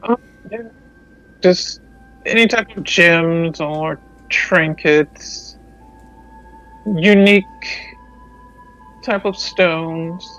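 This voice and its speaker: A man's voice: a little high, drawn-out words, long pauses, pushed and bright, faint music behind. A man playing a tabletop game, improvising casual in-character dialogue through a dull voice channel.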